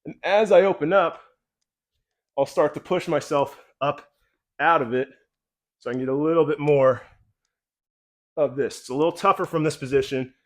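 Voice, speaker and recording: A man coaching a mobility routine while doing the moves himself, a little out of breath, calm and encouraging. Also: on the high side, normal speed, pauses often. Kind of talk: guided exercise instruction.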